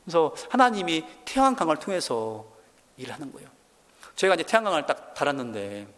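A man in his forties from South Korea, a missionary giving his testimony during a church service. He tells his story in an animated way, and his voice rises when he is moved. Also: medium pitch, in a large hall.

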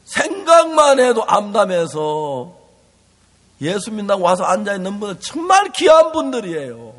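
A male pastor delivers a fervent sermon in a very high voice. His delivery surges into loud, pleading cries and then drops to soft, low passages. The sound carries the long reverb of a large church hall. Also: wildly swooping pitch, moderate pace. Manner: impassioned, swings between loud cries and hushed low tones.

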